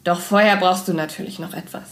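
A woman voicing a kindly, weary male former lab boss who talks softly and sighs, in a storybook reading. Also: fairly even intonation, quick pace, reverberant, lightly acted. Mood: gentle. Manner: soft, low, sighing.

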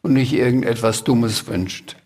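A man giving voice to a patient, sensible father from a children's storybook. He speaks calmly, with mild firmness and little drama. His voice sits near the reader's own. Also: medium pitch, unhurried, close to an everyday voice.

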